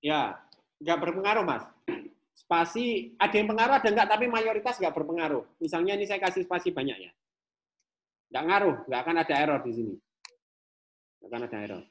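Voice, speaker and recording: Animated Indonesian lecturer demonstrating code. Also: male voice, a little high, a little fast, long pauses. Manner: repetitive, thinks aloud while demonstrating. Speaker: programming lecturer. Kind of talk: live class, explaining code on screen.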